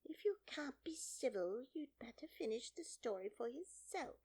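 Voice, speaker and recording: A woman voicing a drowsy, sulky male dormouse in a storybook, with a hoarse, feeble whisper and drawn-out words. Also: on the high side, big pitch swings, mellow, pitched above the performer's own voice, full character voice. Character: sleepy, sulky male dormouse telling a slow tale.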